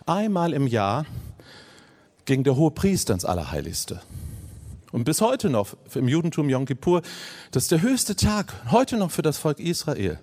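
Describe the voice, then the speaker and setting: A man preaching a sermon in a fairly high voice. He swings between low, hushed phrases and raised, emphatic ones. He talks to his listeners directly, as to friends. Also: big pitch swings, normal speed.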